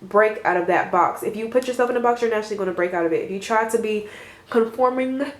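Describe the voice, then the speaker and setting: A woman's voice: mid-range voice, fast. Chatty woman giving a tarot reading. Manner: rambling and reassuring, with frequent laughs and fillers. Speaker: tarot reader. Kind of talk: casual spoken tarot reading. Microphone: camera mic. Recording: roomy echo.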